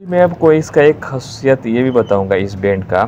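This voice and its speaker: A man's voice: mid-range voice, sing-song, moderate pace, lo-fi sound, background noise. A man with a Pakistani Urdu accent giving a hands-on repair tutorial, explaining each step and repeating key words as he works. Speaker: repair technician.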